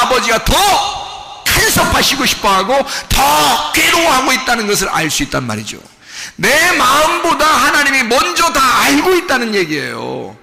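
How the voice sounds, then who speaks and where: A male pastor preaching and then leading a loud, fervent prayer in a church. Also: extremely high pitch, gravelly. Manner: shouting fervent prayer, rising to a cry; drops to quiet, wry asides when telling the story. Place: church sanctuary. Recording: long hall reverb with faint music.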